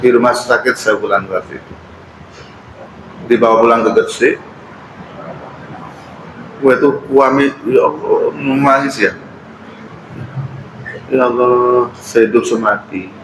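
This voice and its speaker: A man's voice: fairly low pitch, background noise. A middle-aged man with an East Javanese accent preaching at a mosque study circle, telling stories casually with Javanese asides. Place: mosque hall. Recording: roomy hall, faint ambience.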